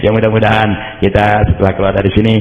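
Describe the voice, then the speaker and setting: Man, Betawi accent, casual preacher, lively storytelling, long reverb, dull sound. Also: very fast. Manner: storytelling in colloquial Jakarta speech, rising pitch in excited moments. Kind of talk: informal religious study talk. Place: mosque hall. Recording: roomy mosque hall, muffled sound.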